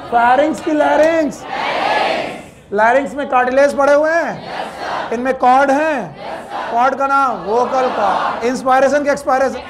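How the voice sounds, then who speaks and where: A man's voice: extremely high pitch, normal speed, a crowd in the background, noisy background. A man teaching biology to a class, quizzing students, scolding them and joking, with English terms mixed into his talk. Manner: mixes English terms into Hindi. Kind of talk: classroom lecture.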